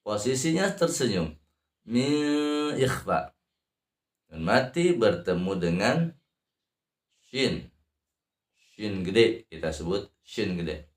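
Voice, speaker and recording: A man with an Indonesian accent teaching Quran recitation rules. He explains slowly and haltingly with many fillers, and between explanations he chants verses in long, drawn-out phrases. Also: on the low side, big pitch swings, roomy sound. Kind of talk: tajwid lesson with chanted recitation examples.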